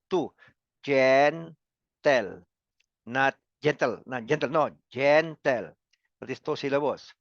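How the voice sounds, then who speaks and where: A man's voice: on the high side, no echo, muffled recording. A man teaching English grammar in a lecture, repeating words and syllables and asking students to say them again. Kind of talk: slow classroom lecture.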